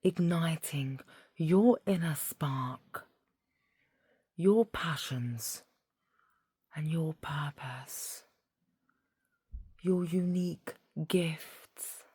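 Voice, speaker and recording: A woman leading a guided meditation in a soft, half-whispered voice, soothing and deliberate, phrase by phrase. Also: low-pitched, breathy edge, dry recording, clean studio sound.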